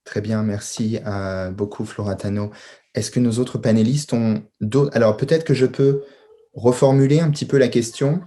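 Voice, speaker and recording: A man's voice: medium pitch, moderate pace, warm tone. A man moderating a panel discussion, phrasing questions in a circling way with frequent little tag words.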